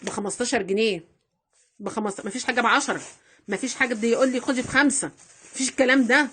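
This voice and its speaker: Fast, husky-voiced Egyptian woman. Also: a little high, steady tone, a bit bright. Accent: Egyptian Arabic. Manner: chatty, repeats phrases, talks straight to viewers. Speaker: household budgeting vlogger. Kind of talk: casual instructional vlog.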